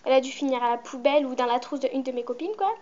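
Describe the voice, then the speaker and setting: Chatty teenage girl, high voice, lo-fi. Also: very fast, a little mellow, slight background noise. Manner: chatty, rambling, with many fillers. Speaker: vlogger. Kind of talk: casual show-and-tell vlog. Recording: muffled lo-fi home recording.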